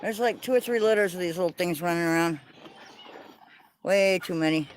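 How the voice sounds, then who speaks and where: A woman's voice: fairly low pitch, fairly quick, slight background noise. A woman hosting a casual farm livestream from outdoors. She talks to the viewers and coos to newborn kittens. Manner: cooing baby talk to kittens. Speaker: livestream host.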